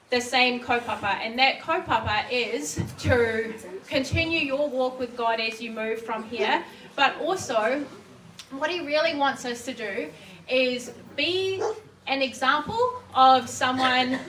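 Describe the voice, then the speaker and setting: A woman with a New Zealand accent gives an informal sermon, sounding nervous and hesitant, with halting false starts. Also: sits high, fairly bright tone. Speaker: preacher. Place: echoey indoor room before a gathering. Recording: distant microphone, echoey room, faint noise.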